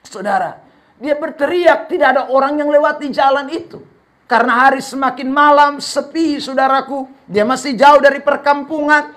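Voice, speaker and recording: A male pastor preaching an emphatic sermon, telling a story with shouted exhortations. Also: extremely high pitch, moderate pace.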